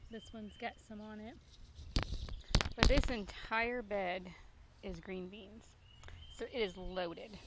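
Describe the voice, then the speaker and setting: Holding a phone at arm's length outdoors, a gardening vlogger in her thirties casually shows off her backyard vegetable garden. She has a mid-range voice with fairly even intonation, talking slowly and pausing often, and the recording picks up plenty of outdoor noise.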